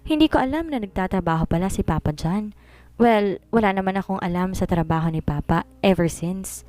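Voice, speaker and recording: A woman's voice: mid-range voice, fairly quick, a little mellow, no room sound. A woman narrating a first-person drama story in an earnest, emotional way.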